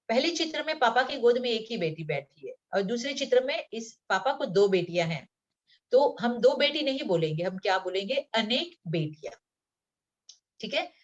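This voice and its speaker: A woman teacher from Mumbai giving a slow, patient lesson to young children, reading words one by one and often checking in with the class. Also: fairly high pitch, lively intonation. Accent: Mumbai Hindi. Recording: dull lo-fi sound.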